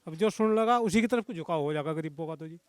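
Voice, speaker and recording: A man with a high, smooth voice answering a street interview, rambling as he explains himself. He often starts sentences over. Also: quick pace. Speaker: villager interviewed.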